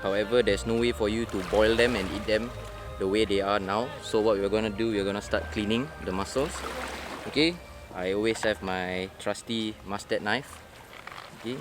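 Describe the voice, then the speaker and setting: A man's voice: lowish voice, fairly even intonation, normal speed. Singaporean man guiding, music behind. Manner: step-by-step, coaching. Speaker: fishing vlog host and guide. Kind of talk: casual instructional vlog talk.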